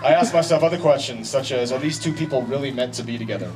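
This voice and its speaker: A man's voice: mid-range voice, fast. Man giving a wedding speech, distant noisy recording. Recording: distant mic, noisy live event ambience.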